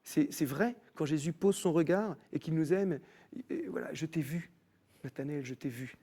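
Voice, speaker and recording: A French musician sits as a guest on a TV studio set, sharing his personal faith testimony. His voice is on the high side and moves at a moderate pace, and he tells the story animatedly, acting out the voices he quotes.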